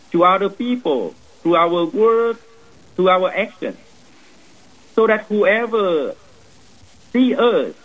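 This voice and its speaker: A man's voice: sits high, a bit bright, rough recording. A man in his thirties from Vietnam, a priest speaking English with a Vietnamese accent, earnestly telling his vocation story.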